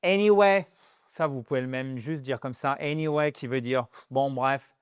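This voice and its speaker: Male English tutor, playful and animated; smooth voice, dry close recording. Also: mid-range voice, moderate pace, no echo. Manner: animated, playful, shifts between French and English examples. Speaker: English teacher. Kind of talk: lively language lesson.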